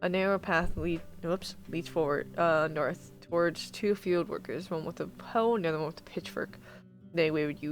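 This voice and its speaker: Streamer stumbling through game text. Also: medium pitch. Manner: stumbling reads with self-corrections. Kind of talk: reading a text game aloud.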